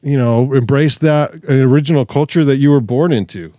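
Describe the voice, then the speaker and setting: A man's voice: medium pitch, moderate pace, warm tone, dry recording, studio quality. A man hosting a podcast, talking in a jokey, rambling way and often correcting himself mid-sentence. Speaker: podcast host. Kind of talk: casual chat. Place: podcast studio.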